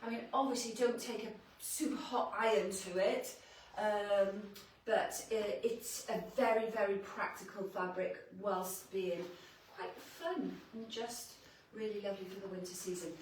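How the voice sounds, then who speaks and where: Woman, boutique owner, casual live-sale chatter, mid pitch, distant mic, very echoey shop room. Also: measured pace, a little hiss or hum. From Wales. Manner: chatty, laughs often, talks while changing outfits. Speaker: boutique owner presenting clothes on a livestream. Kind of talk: casual live shopping chat. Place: clothing boutique, indoors.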